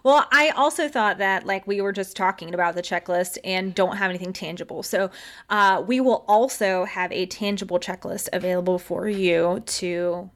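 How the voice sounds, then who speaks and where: Laughing frequently, a podcast co-host from the United States keeps the casual chat upbeat and chatty. Her voice is medium-pitched and she speaks at a normal speed.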